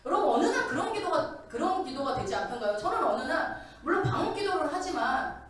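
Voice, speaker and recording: A woman preaching a sermon in a church, talking in an animated way and putting many questions to the congregation. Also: sits high. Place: church sanctuary. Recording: very echoey hall, voice from a distance.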